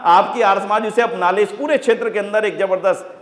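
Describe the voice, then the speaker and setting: A man giving an impassioned religious speech to a congregation, exhorting them and rising to loud peaks. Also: high-pitched, steady tone, a little fast. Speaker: Arya Samaj speaker. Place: large hall. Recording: echoey hall, long reverb.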